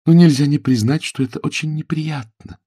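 A man voicing a haughty, sharp-tongued young woman in an audiobook, speaking in a high, mocking, snippy way. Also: very animated, fairly quick, slightly rough, no room sound, clean studio sound. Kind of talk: audiobook character voice.

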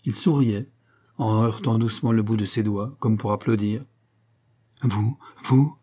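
Husky-voiced male audiobook narrator. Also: lowish voice, steady tone, moderate pace, mellow. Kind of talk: scripted narration.

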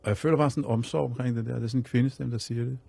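A man with a gravelly, husky voice recounts his own story, rambling and circling back with fillers. His tone is dark and mellow, and the recording is close and dry. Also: mid-range voice, steady tone, no room sound. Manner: rambling and repetitive, leaning on fillers. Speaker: guest telling his life story. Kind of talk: personal storytelling on radio.

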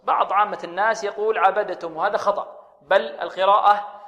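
A man with a high voice gives a Quran recitation lesson. He often asks a question and answers it himself, then recites the example slowly. His voice carries a long reverb. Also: fairly even intonation, fairly bright tone, muffled recording.

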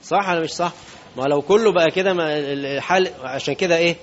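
A man's voice: a little high, quick pace, muffled recording, a little hiss or hum. A man preaching a sermon in Egyptian Arabic, speaking conversationally and asking his listeners rhetorical questions. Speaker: sheikh.

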